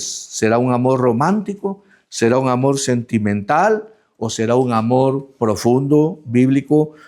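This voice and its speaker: A middle-aged male pastor preaching a sermon in a conversational way, often tagging questions onto his sentences and slowing down to stress the scripture he reads. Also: medium pitch, a little mellow. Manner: conversational preaching, constant "¿no?" tags, slowed emphatic scripture reading.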